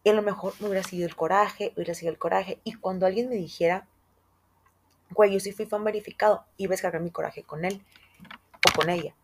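Slangy, husky young Mexican woman. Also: fairly low pitch, fairly even intonation, fast. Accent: Mexican Spanish. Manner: slangy, emphatic, candid. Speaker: podcast host. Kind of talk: casual monologue.

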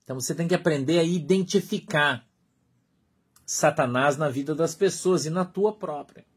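A man preaching a sermon as pastor, in Brazilian Portuguese, emphatic, repeating short phrases and dropping to a hush. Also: fairly high pitch, moderate pace, breathy edge.

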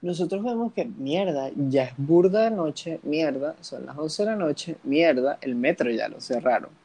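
A man's voice: on the high side, expressive, unhurried, mellow, breathy edge. A Venezuelan man co-hosting a casual podcast, bantering in a playful, teasing, slangy way. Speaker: podcast co-host. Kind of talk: casual chat.

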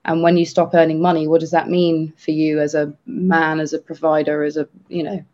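A man co-hosting a podcast, talking earnestly and haltingly with many restarts. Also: a little high, flat delivery, a little mellow. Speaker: podcast co-host. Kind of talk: casual podcast chat. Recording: dull lo-fi sound.

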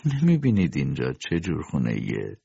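A man's voice: rumbling low, huge pitch swings, gravelly, mellow, breathy edge, dry recording, muffled recording, voice pushed down, exaggerated voice. A man voicing a sardonic older bachelor doctor who lectures mockingly, in an audiobook reading.

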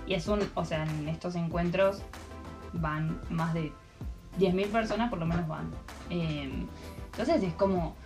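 Rambling Argentine woman, low voice. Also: unhurried, over music. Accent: Argentine Spanish. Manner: rambling storyteller with many fillers. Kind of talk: casual chat.

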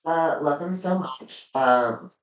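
A man's voice: on the high side, slow pace. A man co-hosting a podcast in casual chat, gushing, swearing freely and drawing words out. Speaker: podcast co-host. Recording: roomy, distant, dull sound.

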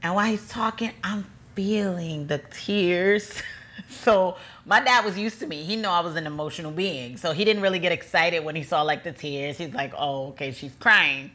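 A young adult woman telling a personal story in casual chat, animated and acting out quoted voices with lots of "like". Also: on the low side, normal speed. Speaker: storyteller recounting her courtship.

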